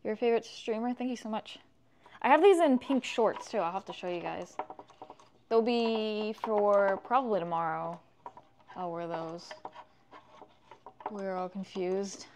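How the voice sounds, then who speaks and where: A woman streamer chatting casually with her viewers while building something, swearing freely and reacting out loud. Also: mid-range voice, measured pace, long pauses, slight background noise. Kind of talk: casual livestream chat.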